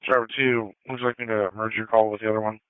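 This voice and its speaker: A man's voice: fairly low pitch, flat delivery, fast talker, clear, resonant tone, dry recording. A man working as a dispatcher, relaying call details to units in procedural police radio style. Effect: police radio transmission. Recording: phone-like narrowband scanner audio.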